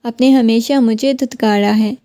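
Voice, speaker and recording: A woman's voice: on the high side, steady tone, warm tone, dry recording, natural voice. A woman voicing a heartbroken young wife who keeps pleading with her husband. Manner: pleading, questioning.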